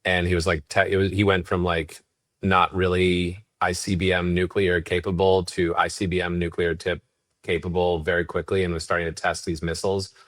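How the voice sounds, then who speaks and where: A man from Berkeley, California, co-hosting a podcast and telling animated, rambling stories in casual chat. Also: low-pitched, moderate pace, no echo, clean studio sound. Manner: animated, tangent-prone storyteller. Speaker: podcast co-host.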